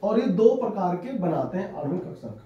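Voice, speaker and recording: A man's voice: sits high, very animated, a little fast, dark tone, a little hiss or hum. A man teaching a chemistry class, dictating notes and repeatedly asking students whether they have understood and copied it down. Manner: repetitive, keeps asking students to write and confirm. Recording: echoey room, from far off, dull sound.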